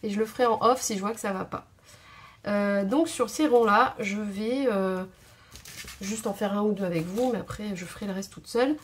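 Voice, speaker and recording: A woman's voice: medium pitch, moderate pace, slightly rough. A woman hosting a craft video at home, chatting casually and thinking aloud with many hesitations. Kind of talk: casual tutorial chat. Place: home craft table indoors.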